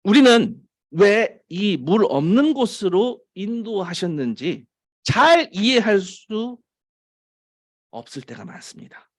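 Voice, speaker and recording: A Korean man preaching a sermon as pastor, rising to emphatic lines and dropping to low, quiet asides, stretching out key phrases. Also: sing-song, slow pace.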